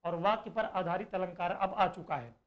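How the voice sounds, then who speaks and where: A male teacher giving an online exam-prep lesson, explaining slowly, repeating points and asking and answering his own questions. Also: high voice, highs cut off.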